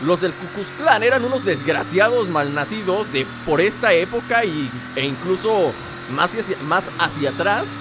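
A man's voice: high voice, expressive, normal speed, background noise. A man with a Mexican accent, chatting through a let's play and talking back to the game as he plays. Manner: chatty, talks back to the game, explains asides at length. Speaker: gamer. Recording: loud game sounds under the voice.

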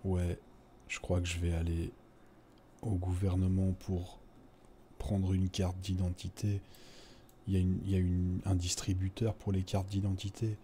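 A man's voice: deep voice, monotone, measured pace, pauses often, warm tone, a little hiss or hum. A man playing a worn-out, crude street man. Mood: weary. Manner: blunt, crude, rambling. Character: weary street-dwelling man, crude and blunt. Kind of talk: casual role-play dialogue.

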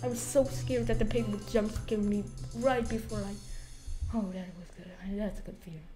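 A woman's voice: medium pitch, normal speed, over music. A young woman giving let's play commentary, jumpy and muttering, shrieking at scares. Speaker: gamer.

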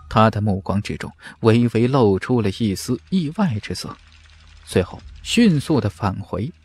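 An audiobook narrator with a mid-range, darkish, slightly rough voice reads a fantasy novel as dramatic scripted narration. His storytelling is theatrical and emphatic, with music playing in the background.

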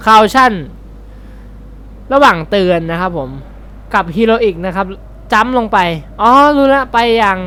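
Excitable man doing game commentary. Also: high voice, normal speed, pauses often, clear, resonant tone. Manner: excitable, jokey, explaining words. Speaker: game streamer. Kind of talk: let's-play commentary.

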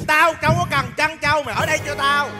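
A man's voice: very high-pitched, normal speed. A man playing a cruel, bossy stepmother in an improvised stage comedy skit, barking harsh orders. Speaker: stage performer. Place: outdoor traveling show stage. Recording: live stage with hall echo and music.

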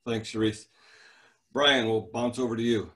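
A man's voice: medium pitch, moderate pace. A middle-aged man hosting a church youth leaders' video call, chatting casually and introducing people. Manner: relaxed, chatty, many fillers.

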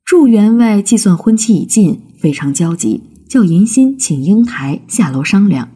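A woman reading a classic folk tale aloud as a storybook narration, with slow, expressive delivery. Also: mid-range voice, husky.

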